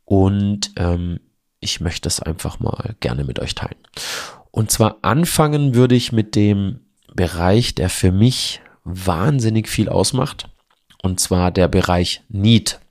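Guy around 40 doing a chatty solo podcast, stuffed up with a cold, honky nasal sound, deep and creaky. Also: a little mellow. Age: early 40s. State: congested with a cold. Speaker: podcast host. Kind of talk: casual solo podcast talk.

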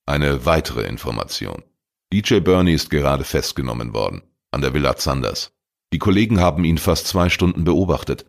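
A man's voice: a bass voice, expressive, normal speed, vocal fry, exaggerated voice. A man reading a crime story voices a female police contact giving a matter-of-fact briefing.

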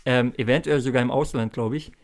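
A man with a mid-pitched voice delivers a hyped giveaway announcement as a podcast co-host. His talk is casual and slangy, full of enthusiasm, like chatting among friends. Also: steady tone, fairly quick.

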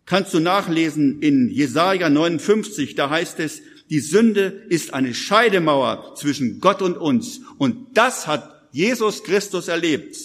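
A man's voice: fairly high pitch, expressive, unhurried, few pauses, fairly bright tone, in a large hall. A man preaching a live sermon, urgent and emphatic, speaking straight to his listeners. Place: church hall with audience.

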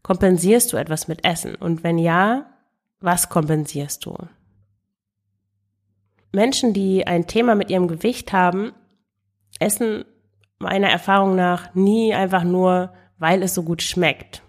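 A woman speaks alone on a podcast in a somewhat low voice. She explains things calmly and addresses the listener directly. She often breaks off and restarts her phrases. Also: measured pace, long pauses. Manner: frequent self-corrections and restarts. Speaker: podcast host and weight coach. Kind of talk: solo podcast monologue.

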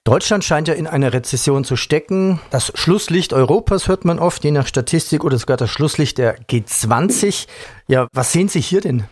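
A man interviewing a company executive, asking direct questions and listing topics briskly. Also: on the high side, expressive, darkish tone, no echo, clean studio sound. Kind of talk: business interview.

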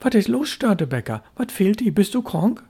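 A man voicing a worried fisherman father who speaks in a Low German dialect in blunt, short questions. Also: big pitch swings, moderate pace, dark tone, slightly rough, exaggerated voice. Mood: concerned.

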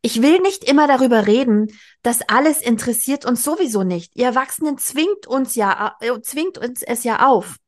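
A woman's voice: a little high, lively intonation, normal speed, few pauses, pitched above the performer's own voice, close to an everyday voice. A woman reading as a snappy teenage girl. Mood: irritated. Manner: sharp, snappy. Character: defiant teenage girl snapping at her mother.

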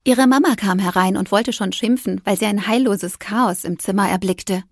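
A woman's voice: mid-range voice, moderate pace, dry recording, clean studio sound. Woman narrating a children's story. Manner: gentle, lively storytelling.

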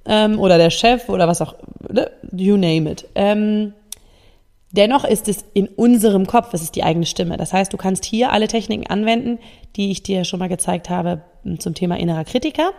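A woman coach talks her listeners through her ideas in a reflective podcast monologue, often hesitating as she searches for words. Her voice has a slight gravelly fry at the edges. She is recording indoors, and the room lends her words a long, lingering reverb. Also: mid-range voice, normal speed, darkish tone. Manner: thoughtful, explanatory, many hesitations. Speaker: NLP coach and podcast host.

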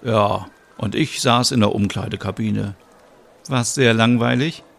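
A man's voice: fairly low pitch, unhurried, vocal fry, fairly bright tone, full character voice. A man voicing a dry, skeptical young man in an audio soap opera, speaking in a wry, teasing way.

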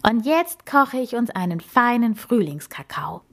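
A woman voicing an eager young female hotel keeper in a storybook reading, with a bright, lively voice. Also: on the low side, normal speed.

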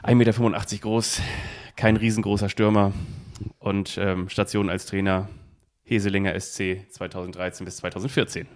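A man's voice: lowish voice, little pitch movement, normal speed. A man hosting a football podcast, posing quiz riddles in the first person as if he were each player, recorded on a phone held close to a device. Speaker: podcast host. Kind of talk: casual football quiz chat.

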